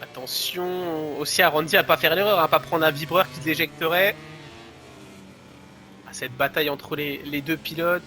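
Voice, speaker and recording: A man's voice: a little high, fairly even intonation, normal speed, bright, forceful tone, faint music behind. A man giving live play-by-play as a motorsport commentator on a motorcycle racing game.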